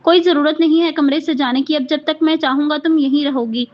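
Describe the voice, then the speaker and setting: Cast note: a woman voicing an angry young husband, harsh and accusing, high bright voice, dull lo-fi audio. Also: steady tone, a little fast, natural voice.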